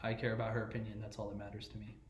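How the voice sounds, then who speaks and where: A man's voice: fairly low pitch, monotone, rapid-fire, a little hiss or hum. Exasperated, cursing man in a roomy room. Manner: defensive, exasperated, swears often. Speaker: podcast co-host. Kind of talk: casual podcast banter. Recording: roomy echo.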